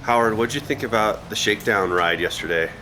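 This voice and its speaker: A man with a lowish voice talks briskly over background noise, narrating his motorcycle tour video outdoors in a relaxed, joking manner. He's the tour leader, filming the trip himself.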